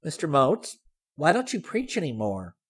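A man's voice: on the high side, huge pitch swings, moderate pace, fairly bright tone, husky, pitched above the performer's own voice, heavily acted. A man reading a story voices a prying, persistent middle-aged landlady with a wheedling, badgering manner. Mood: coaxing.

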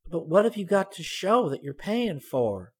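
A man acting out a middle-aged landlady, prying, wheedling, husky, lively pitch, storybook reading. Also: measured pace, heavily acted. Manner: wheedling, badgering questions.

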